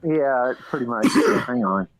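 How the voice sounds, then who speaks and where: A man's voice: mid-range voice, animated, takes it slowly. A man on a call whose voice comes through muffled and underwater-sounding, stumbling over restarts as he asks a question. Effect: muffled, underwater-sounding call audio. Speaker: panel participant on a call.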